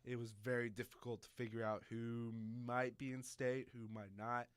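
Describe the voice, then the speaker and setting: A man hosting a high school sports talk show, chatty and joking with fillers. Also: flat delivery, moderate pace, clean tone, no echo. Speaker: sports radio host.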